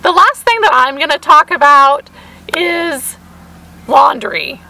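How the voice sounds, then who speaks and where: High, crackly-voiced woman vlogger. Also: expressive, slow, sharp tone. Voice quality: crackly, hoarse voice. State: hoarse for weeks. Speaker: vlog co-host. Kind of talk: casual chat to camera.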